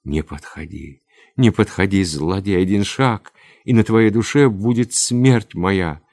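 A man's voice: fairly low pitch, slow, darkish tone, no room sound. A man reading aloud, voicing a frightened but defiant young woman in a storybook tale, pleading and tearful. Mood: desperate.

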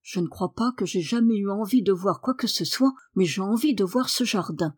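A woman's voice: mid-range voice, normal speed, husky, dry recording, clean studio sound, natural voice. A woman reading an audiobook voices a sickly boy who speaks in a weary, sullen way. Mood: insistent. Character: sickly boy, moody and listless.

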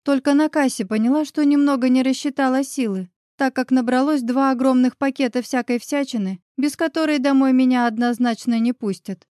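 A woman narrating a first-person audiobook in a calm, even storytelling manner. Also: high-pitched, a little fast, hardly any pauses, no echo. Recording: dry close studio sound.

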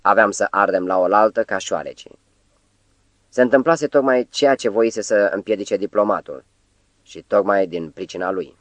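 A man reading a novel aloud as an audiobook narrator, in a steady, measured storytelling manner. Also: fairly low pitch, dry recording. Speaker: audiobook reader. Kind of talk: scripted literary narration.

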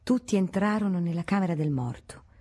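Audiobook narrator, woman, low mellow voice, steady measured reading. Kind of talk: audiobook narration of a classic novel.

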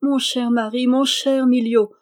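A woman's voice: on the high side, moderate pace, natural voice. A woman voicing a young princess who teases her husband playfully. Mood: joyful. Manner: teasing, lively.

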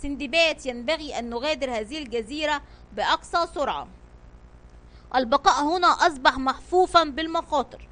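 A woman's voice: high voice, lively intonation, fast talker, few pauses. Woman voicing a tense, urgent male companion. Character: nervous, quick-tempered adult male companion.

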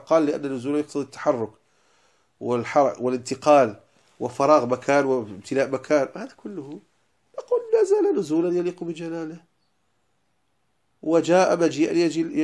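Fast, emphatic male religious teacher. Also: a little high, animated. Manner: emphatic, stresses single words then drops to quiet asides. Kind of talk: lecture explaining a didactic poem.

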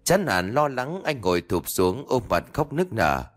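A man's voice: mid-range voice, sing-song, measured pace. A man narrating a ghost story dramatically.

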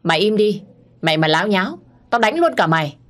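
A woman voicing a hot-tempered young man who shouts and threatens in an audio story. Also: medium pitch, very animated, quick pace, voice pushed up, lightly acted. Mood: threatening.

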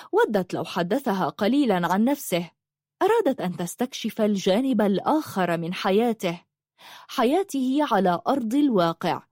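A woman narrating a novel as an expressive audiobook reader. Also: medium pitch, no room sound, clean studio sound. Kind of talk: scripted narration.

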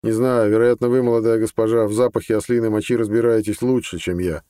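A man's voice: lowish voice, fairly even intonation, quick pace, dark tone, dry recording, lightly acted. A man voicing a grumpy, sarcastic older healer in an audiobook, scolding and grumbling.

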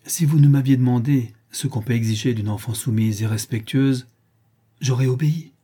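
A man's voice: mid-range voice, breathy edge, natural voice. A man reading an audiobook and voicing a proud, earnest young noblewoman who answers steadily and defiantly. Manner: earnest, measured, quietly defiant.

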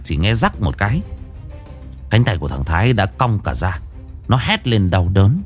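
A man narrating a horror story in a dramatic, expressive reading. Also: mid-range voice.

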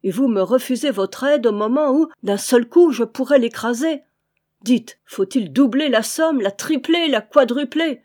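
A woman's voice: mid-range voice, measured pace, a little mellow, lightly acted. Woman voicing a desperate scheming lord. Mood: pleading. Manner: pleading, increasingly heated.

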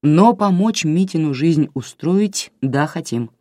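An audiobook reader voicing a calm, unflappable middle-aged man questioning an old couple. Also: medium pitch, takes it slowly, no room sound, studio quality. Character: calm middle-aged male investigator posing as volunteer.

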